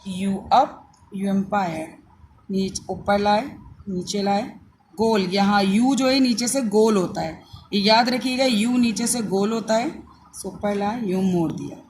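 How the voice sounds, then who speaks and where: Slow, patient woman teaching letters. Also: mid-range voice, darkish tone, slight background noise. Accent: Pakistani Urdu. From Pakistan. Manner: slow, repetitive step-by-step instruction. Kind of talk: handwriting and phonics lesson for young children.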